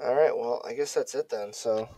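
Bright-voiced young man chatting casually. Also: medium pitch, moderate pace, a little hiss or hum. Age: young adult. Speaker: podcast host. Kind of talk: casual chat among friends.

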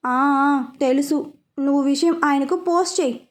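A woman's voice: high-pitched, unhurried. A woman playing a bossy, sassy younger sister. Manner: bossy and sassy, giving orders.

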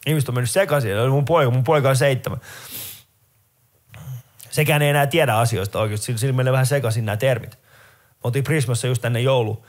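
Onstage doing stand-up, a middle-aged man with a Finnish accent tells animated stories and leaps into high voices for his characters. He also leaves long pauses.

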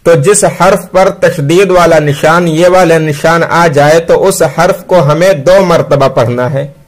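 A man teaching how to read the Quran, patiently repeating each rule and spelling out syllables one by one. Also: a little high. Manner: draws out sounds slowly while spelling letters. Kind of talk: slow spelled-out recitation lesson.

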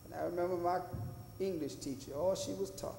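An older man preaches in a small church, his voice pitched high and calling the congregation to answer him. The sound rings around a reverberant sanctuary, with a faint murmur of the room behind him. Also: brisk, vocal fry, dark tone, a little hiss or hum. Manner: rising to fervent emphasis, drawing answers from the congregation. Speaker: pastor. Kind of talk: sermon with call and response. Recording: echoey church hall.

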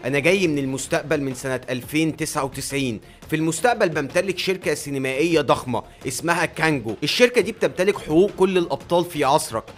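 A man's voice: a little high, very fast, soft background music, close to an everyday voice. A man with an Egyptian Arabic accent voicing an arrogant, mocking villain from the future who owns the heroes. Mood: smug. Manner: smug, mocking and condescending. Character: arrogant male time-travelling tycoon villain, gloating.

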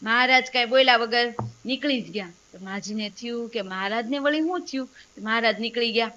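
Bright-voiced woman storyteller. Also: on the high side, brisk, slight background noise. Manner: storytelling with quoted dialogue. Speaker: devotional storyteller. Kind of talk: religious story narration.

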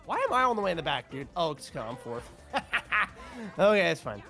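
A man swearing and reacting excitedly while playing a party game with friends. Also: fairly high pitch, a little fast, creaky, soft background music. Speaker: guest player. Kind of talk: casual gaming chat with friends.

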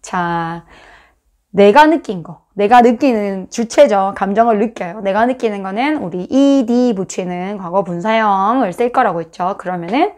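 A woman's voice: mid-range voice, normal speed, a little mellow. A woman with a Busan accent explaining English grammar in a casual, chatty lesson, acting out examples with sound effects. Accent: Busan Korean. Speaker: English teacher.

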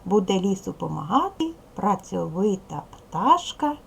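A woman's voice: mid-range voice, sing-song, measured pace, gravelly, slightly rough, low-quality recording. A woman primary school teacher giving a recorded video lesson to young pupils, patiently explaining, asking questions and praising answers.

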